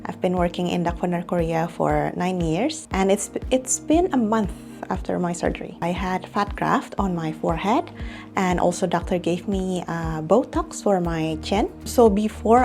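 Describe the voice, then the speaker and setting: A young woman from Indonesia talks through her recovery in a relaxed vlog. Her voice sits fairly low with a gravelly fry, and she fills her sentences with small laughs and hesitations. Soft music plays faintly underneath. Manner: chatty, laughs often, many fillers. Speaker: clinic employee and patient. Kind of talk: casual vlog testimonial.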